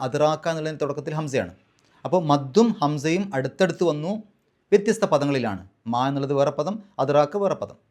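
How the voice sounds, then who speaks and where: Patient man teaching recitation, slightly high voice. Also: darkish tone. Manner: patient, step-by-step explaining, slowly drawing out recited words. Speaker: Quran teacher. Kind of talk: recitation rules lesson.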